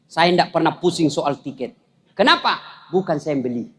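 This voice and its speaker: A man preaching a humorous sermon, telling stories in an animated, joking way. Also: on the high side, normal speed. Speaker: Islamic preacher.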